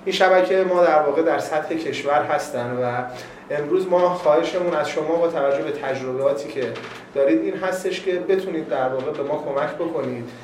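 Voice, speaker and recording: A man hosting a formal meeting who introduces the topic in a halting way and repeats his words. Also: fairly high pitch. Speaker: meeting host. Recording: echoey room, distant mic.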